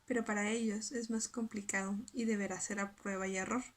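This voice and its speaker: A woman whose first language is Spanish, reading a scripted lesson and sounding out syllables slowly. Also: medium pitch, steady tone. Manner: reads carefully, spells out syllables slowly. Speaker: student presenter.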